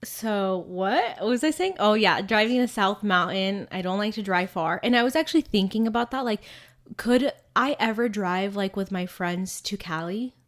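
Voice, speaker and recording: A woman in her twenties co-hosts a podcast, chatting casually and peppering her speech with "like." Her voice is mid-range and expressive, and she talks at a moderate pace.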